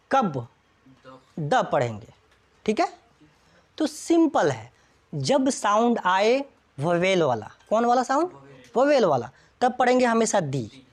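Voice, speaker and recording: A woman teaching English grammar to a classroom, constantly checking whether students follow. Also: a little high.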